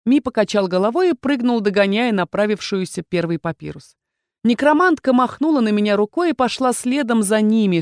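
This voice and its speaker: A woman narrating a fantasy audiobook in the first person, measured and even. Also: medium pitch, no echo, studio quality.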